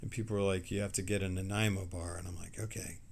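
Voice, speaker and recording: A middle-aged man who sounds fatigued chats on a livestream, rambling and hesitant, often trailing off partway through a sentence. His deep, gravelly voice holds a steady tone, with a little hiss or hum in the background.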